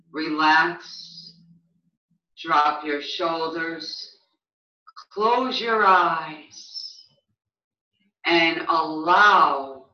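A spiritual guide leading a guided meditation in a soothing, hushed manner with long pauses. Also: mid-range voice. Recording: echoey, distant, slightly muffled recording.

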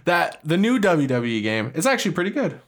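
A man's voice: a little high, big pitch swings, a little fast. Rambling man in casual, slangy chat.

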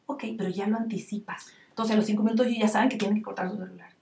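A middle-aged woman with a Chilean accent giving parenting advice in casual chat, acting out little scenes with lively voices. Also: mid-range voice, very fast, vocal fry, a little hiss or hum. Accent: Chilean Spanish. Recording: roomy echo, distant mic.

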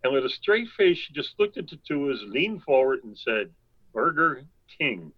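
An older man telling long anecdotes as an interview guest, rambling, with quick asides and chuckles. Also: medium pitch, sing-song, lo-fi sound. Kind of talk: anecdotal storytelling.

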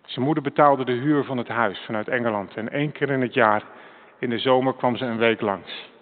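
A man's voice: medium pitch, brisk. A male preacher delivering a Sunday sermon, addressing his listeners directly with earnest questions and a personal story. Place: church. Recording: echoey church hall, tinny phone-like sound.

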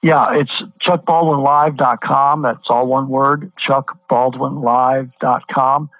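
Slow and steady in tone, a pastor's mid-range voice carries over a tinny phone line without echo. Appearing as an interview guest, he speaks emphatically and repeats words for force.

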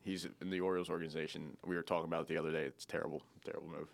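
A man with a very low voice talks in a casual chat, giving blunt, clipped verdicts that he repeats. The recording is dry and close, with no room sound. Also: level tone, rapid-fire, creaky, dry recording. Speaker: professional baseball player guest.

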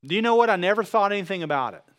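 A male pastor delivers a sermon in a high, loud, sharp voice. He is passionate and emphatic, repeating phrases to drive them in. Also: lively intonation, rapid-fire. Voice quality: loud, sharp voice when fired up. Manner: passionate, emphatic, repetitive preaching. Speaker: pastor preaching.

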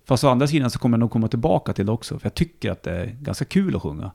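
A man with a Hälsingland Swedish accent, chatting casually as a guest, relaxed and rambling, swearing easily. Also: medium pitch, creaky. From Sweden, Hälsingland. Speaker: musician and radio host, guest. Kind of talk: casual conversation.

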